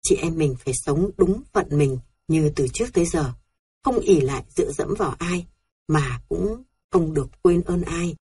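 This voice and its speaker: A woman voicing a calm, firm older sister who comforts and admonishes her younger sibling. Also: low-pitched, normal speed, slightly rough, heavily acted. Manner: soothing, admonishing.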